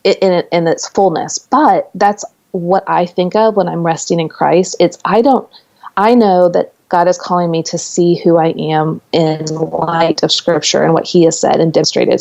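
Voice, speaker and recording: Earnest woman with a gravelly voice. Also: on the low side, a little mellow, lo-fi sound. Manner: earnest, explains with stories and examples. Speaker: podcast guest. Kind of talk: conversational interview.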